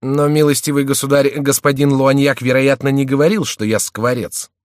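A man voicing a touchy, hot-headed seventeen-year-old youth in shrill, indignant outbursts in an audiobook. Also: steady tone, moderate pace, no echo, studio quality, lightly acted.

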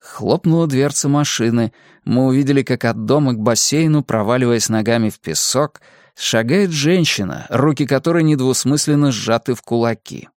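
A man narrating an audiobook in the first person, wry and lively. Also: mid-range voice, normal speed, no echo, studio quality.

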